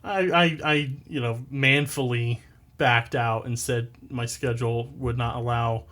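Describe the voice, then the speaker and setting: A man's voice: medium pitch, fairly even intonation, a little slow, fairly bright tone. Joking male podcast host. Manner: jokey, self-deprecating, laughs often. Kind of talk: casual podcast chat.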